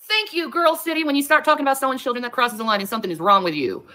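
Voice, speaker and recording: Racing along in a high, pushed, bright voice, a woman confronts her critics on a livestream. The played clip is a heated rant full of profanity.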